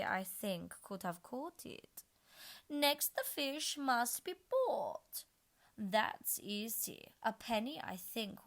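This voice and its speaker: A woman reading aloud, voicing a gentle, scatterbrained queen who coos her words in a sing-song way. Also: fairly high pitch, voice pushed up, exaggerated voice. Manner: cooing like a pigeon.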